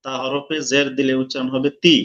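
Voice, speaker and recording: A man's voice: medium pitch, little pitch movement, a little fast, a bit bright, highs cut off. A man teaching an online lesson, explaining step by step and quizzing his students. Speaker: Quran recitation teacher.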